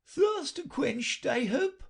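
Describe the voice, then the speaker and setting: A man voicing a brisk, imperious queen chess piece who cries out orders in a shrill, commanding way. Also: big pitch swings, vocal fry, heavily acted.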